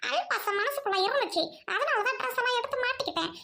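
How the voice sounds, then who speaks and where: A woman's voice: extremely high pitch, expressive, quick pace, gravelly, bright, forceful tone, a little hiss or hum, full character voice. A woman voicing an anxious young bride in an amateur audio drama, pleading and tearful in turns. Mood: relieved. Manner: pleading, then giggly and tearful.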